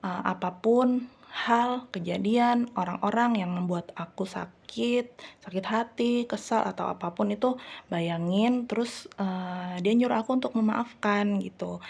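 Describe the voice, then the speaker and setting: Woman vlogger, warm mellow tone, casual chatty storyteller with lots of hesitant fillers. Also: medium pitch, creaky.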